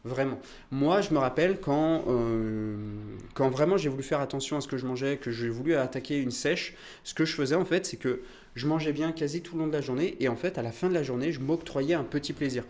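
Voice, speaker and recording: A man's voice: mid-range voice, a little fast, a little mellow. A young French man hosting a solo podcast, explaining in a chatty, casual way with frequent fillers and restarts. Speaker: podcast host, calisthenics coach.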